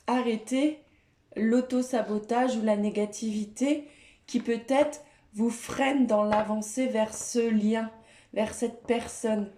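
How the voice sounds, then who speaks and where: A woman speaking French gives a gentle, hesitant card-reading guidance, with many fillers. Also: fairly high pitch, echoey room. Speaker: tarot and oracle card reader.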